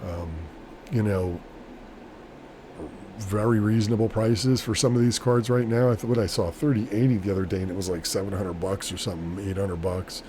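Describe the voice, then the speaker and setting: A man's voice: lowish voice, normal speed. A man chatting casually and off the cuff as a solo vlogger, rambling along in a matter-of-fact way. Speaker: vlogger, small-scale crypto miner. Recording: clear steady background noise.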